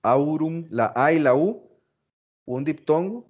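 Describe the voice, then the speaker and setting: A man teaching a philology class, explaining slowly, repeating phrases and stressing example words. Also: mid-range voice, a little mellow, muffled recording. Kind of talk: recorded class lecture.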